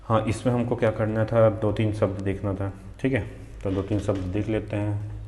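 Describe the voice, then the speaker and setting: A Hindi teacher from Chhattisgarh with a regional accent drills exam spellings, asking questions and answering them himself. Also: male voice, lowish voice, little pitch movement, moderate pace, darkish tone, reverberant. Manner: repetitive drilling, asks then answers himself. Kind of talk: spelling lesson for exam students.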